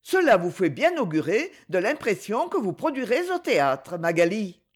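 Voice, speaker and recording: A woman's voice: mid-range voice, sing-song, normal speed, breathy edge. A woman reading a jealous young noblewoman in an audiobook, in an ironic, sarcastic tone.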